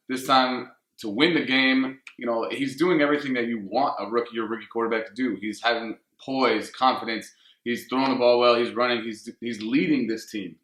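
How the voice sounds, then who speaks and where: A man's voice: medium pitch, fairly bright tone. A man co-hosting a casual sports radio show from home, talking in a laid-back way with fillers. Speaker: co-host. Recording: echoey room.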